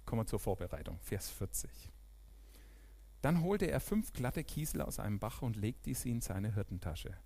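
A male preacher gives a lively sermon in a church, his voice jumping up in loud emphasis and then dropping to hushed asides. He talks casually to the congregation, mixing scripture with informal commentary. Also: lowish voice, normal speed, vocal fry. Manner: animated, swings between loud emphasis and quiet asides.

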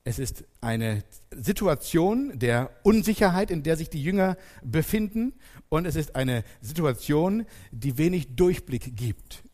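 A man delivering a sermon in a fairly high, very lively voice that rises and falls widely. He speaks directly to his listeners and leans on dramatic pauses, moving from hushed passages to loud, building peaks. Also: long reverb tail. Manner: addresses congregation directly, dramatic pauses and swings from soft to loud. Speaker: preacher.

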